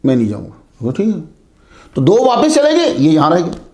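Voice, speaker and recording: In an echoey space, a male religious teacher lectures students at a moderate pace, his fairly high, slightly mellow voice swinging widely in pitch. He raises rhetorical questions, answers them himself, and repeats key terms to drive them home.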